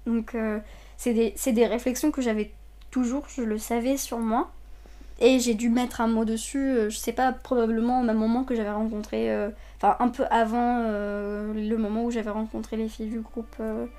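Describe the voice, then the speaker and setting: Hesitant young woman, low and even. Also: moderate pace. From Saudi Arabia, of Lebanese parents. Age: 20s. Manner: hesitant, many fillers and restarts. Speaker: interviewee. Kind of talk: personal testimony.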